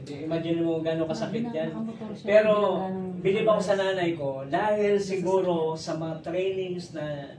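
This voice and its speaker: High-voiced Filipino man presenting in an echoey room. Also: unhurried, crowd noise. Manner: chatty storytelling, jokes and laughs often. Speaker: network marketing presenter. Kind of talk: business opportunity presentation. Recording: echoey room, distant mic, background noise.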